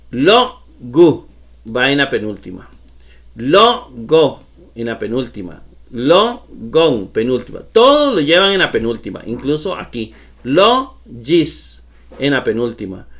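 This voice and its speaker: A man's voice: a little high, a bit bright. A man teaching a recorded online lesson, patient and repetitive, addressing his viewers as brothers. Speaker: Koine Greek teacher.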